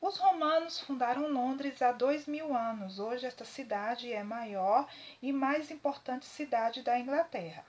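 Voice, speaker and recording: A woman from Brazil teaches an English lesson in a high, clear voice. She talks her students through a text line by line, stopping often with little checking questions. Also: a little slow, a little mellow. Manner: didactic, frequent tag questions. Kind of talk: classroom lesson, translating a text.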